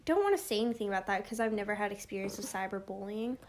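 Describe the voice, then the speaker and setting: A teenage girl co-hosting a casual podcast, teasing and quick-witted, saying "like" often, recorded on a phone. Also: mid-range voice, lively intonation, a little mellow, a little hiss or hum. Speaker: podcast co-host. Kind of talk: casual chat.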